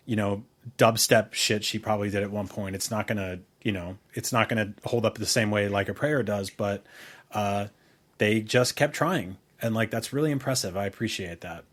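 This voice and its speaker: Here a podcast co-host speaks at a moderate pace in a fairly low voice. He chats casually about music from his past, rambling informally between recollections and opinions, with a bit of swearing.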